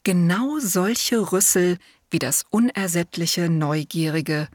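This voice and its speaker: A woman reading a children's storybook aloud, gentle and measured, as if telling it to a child. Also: lowish voice, dry recording, studio quality.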